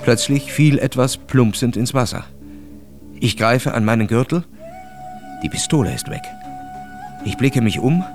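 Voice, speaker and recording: A man narrating a literary radio drama in a measured, calm storytelling voice. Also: medium pitch, faint music behind.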